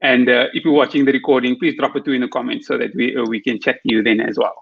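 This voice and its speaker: A man's voice: mid-range voice, little pitch movement, quick pace, gravelly, slightly rough, dull audio. A young man hosting a career podcast over a video call, wearing headphones in a small room, with a friendly, slightly rehearsed delivery. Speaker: podcast host. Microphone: headphones with video call audio.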